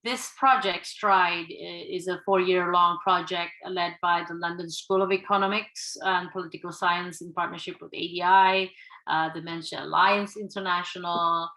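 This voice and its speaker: A woman from Indonesia gives a conference lecture, pausing often with fillers and restarts. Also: fairly low pitch, flat delivery, bright, forceful tone, rough recording. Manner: halting, many fillers. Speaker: conference speaker.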